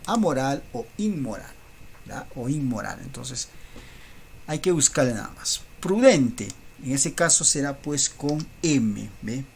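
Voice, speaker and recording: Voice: mid-range voice, big pitch swings, a little slow, gravelly, darkish tone, slight background noise. A teacher giving a recorded school lesson, explaining step by step and checking in with rhetorical tag questions.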